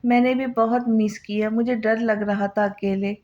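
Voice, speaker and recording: Soft, affectionate young wife in an audiobook novel, read by a woman, fairly high, dull lo-fi. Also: steady tone, moderate pace, close to an everyday voice. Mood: gentle.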